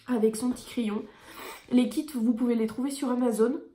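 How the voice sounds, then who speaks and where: A woman's voice: fairly high pitch, fairly even intonation, moderate pace, dark tone, echoey room, soft background music. A woman beauty vlogger reviewing her favourite products in a chatty, enthusiastic way with frequent hesitations.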